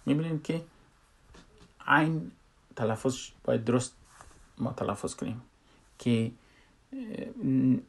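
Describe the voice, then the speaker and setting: Man, tajweed teacher, mid-pitched, plain explanatory delivery, drills example words. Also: gravelly, pauses often, husky. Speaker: Quran recitation teacher. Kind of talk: spoken tajweed lesson.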